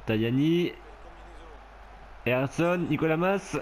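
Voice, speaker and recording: A man's voice: on the high side, slow pace, slight background noise. A man casually commentating his own rugby video game match, getting worked up and laughing at the play. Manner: excitable, shouts and laughs at the game. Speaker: gameplay commentator.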